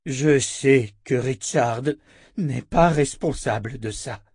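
A man voicing a grave elderly village father who speaks slowly and solemnly. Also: mid-range voice, darkish tone, slightly rough, no echo, clean studio sound. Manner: slow, solemn delivery.

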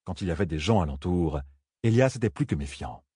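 Deep husky guy reading a fantasy audiobook, dry booth sound. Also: lively intonation, warm tone, no echo. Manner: measured storytelling. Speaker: audiobook narrator. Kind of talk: scripted fantasy narration. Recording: dry close studio sound.

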